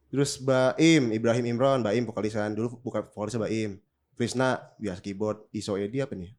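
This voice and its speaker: His tone stays steady and a touch mellow, pitched fairly low and paced slightly fast. With a Jakarta Indonesian accent and a congested, slightly nasal sound left over from a recent cold, he co-hosts a podcast full of slang and casual joking.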